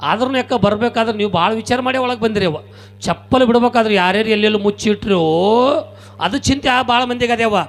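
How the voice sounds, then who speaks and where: A male stage comedian from Kalaburagi with a North Karnataka Kannada accent, telling lively, punchy stories straight to the audience. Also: high-pitched, brisk. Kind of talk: live comic storytelling. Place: stage at a religious gathering.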